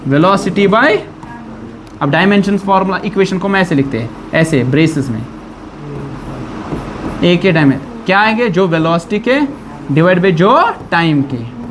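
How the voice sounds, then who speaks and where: A man's voice: high voice, animated, normal speed, long pauses. Man, physics teacher, classroom lecture, questions the class often, faint noise behind. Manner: quizzing students with questions.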